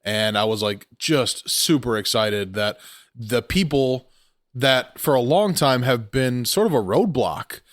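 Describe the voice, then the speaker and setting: A man hosting a podcast in casual, informal chat, with an excitable manner and a scratchy throat after surgery. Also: mid-range voice, a little slow, no echo, studio quality. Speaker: podcast host.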